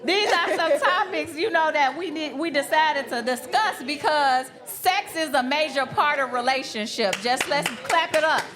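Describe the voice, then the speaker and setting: High, laughing woman hosting a crowd. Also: normal speed, hardly any pauses. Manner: laughing, teasing, hypes the crowd. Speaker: co-host of a live podcast brunch. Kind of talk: lively hosting at a live event. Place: event hall with a live audience. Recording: live room with a loud crowd.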